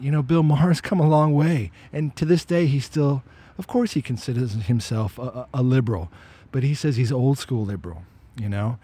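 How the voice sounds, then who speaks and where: A man's voice: mid-range voice, mellow, slightly rough. A man hosting a casual walk-and-talk podcast outdoors, talking in an opinionated, conversational way and often repeating words as he restarts. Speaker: podcast host.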